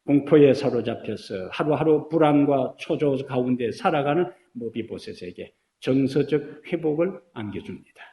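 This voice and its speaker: A man's voice: medium pitch, muffled recording. A middle-aged male pastor preaching a sermon in a church, asking the congregation questions and building to emphatic peaks. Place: church sanctuary. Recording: echoey church hall.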